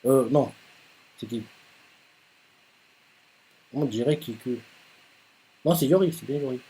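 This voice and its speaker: A man hosting a live manga reaction, retelling the chapter excitedly with lots of fillers and laughter, his voice jumping up high when he jokes. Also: slow pace. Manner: jumps up high when joking.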